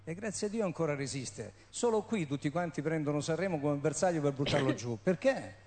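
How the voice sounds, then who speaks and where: A man's voice: a little high, expressive, fairly quick. A man defending the festival in an on-stage interview, sounding proud and defensive. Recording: live broadcast with loud crowd.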